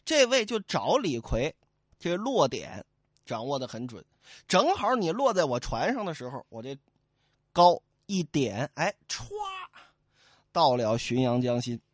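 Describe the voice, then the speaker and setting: A male storyteller spins an old tale in a lively, comic style, full of playful asides. His voice rises and falls with great animation. The sound is close and dry, with no room around it. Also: fairly high pitch, a little slow, no room sound.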